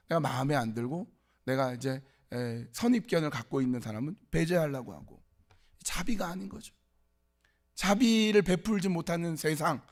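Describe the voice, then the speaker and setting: A man preaching a sermon at a youth service, telling stories in a conversational way and acting out the quotes. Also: on the high side. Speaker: pastor.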